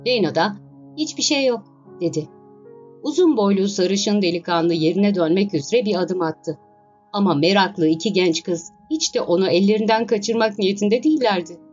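Female narrator, steady storyteller, slightly dull lo-fi recording with faint music behind. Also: mid-range voice, moderate pace, breathy edge. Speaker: audiobook narrator. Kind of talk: scripted narration of a classic novel.

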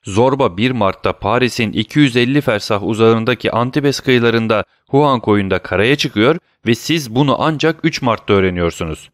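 A man's voice: mid-range voice, normal speed, few pauses, no echo, studio quality, pitched above the performer's own voice, lightly acted. A man voicing an aging French king who is imperious and alarmed, questioning his ministers sharply.

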